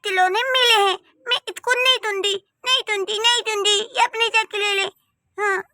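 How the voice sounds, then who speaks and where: Spoiled little cartoon girl, very high, bright, whiny, sulking. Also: fairly even intonation, normal speed, dry recording, studio quality. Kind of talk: cartoon voice acting.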